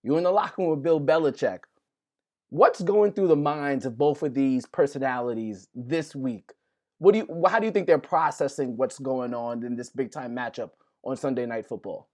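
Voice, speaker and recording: A man's voice: mid-range voice, normal speed. A man hosting a sports podcast, asking his guests questions and stumbling over a few fillers. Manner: poses questions, hesitant with fillers. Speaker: podcast host, moderator. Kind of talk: casual podcast chat.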